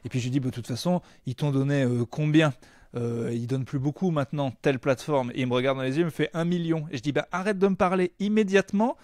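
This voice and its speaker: A man co-hosting a podcast, telling animated stories with frequent laughter. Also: mid-range voice, fast, no echo, clean studio sound. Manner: animated storyteller, laughs often. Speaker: podcast co-host. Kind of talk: casual chat.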